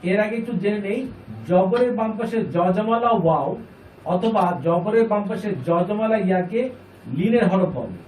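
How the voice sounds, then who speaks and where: High-voiced man teaching in an echoey room. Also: normal speed, a little mellow. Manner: patient, repeats points and asks the class questions. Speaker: Quran reading teacher. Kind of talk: classroom lesson. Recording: echoey room, distant mic, faint noise.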